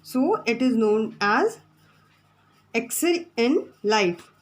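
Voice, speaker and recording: A woman's voice: a little high, big pitch swings, slow pace, poor audio. A woman teacher, giving a classroom lesson from the textbook, repeating her points and spelling out words.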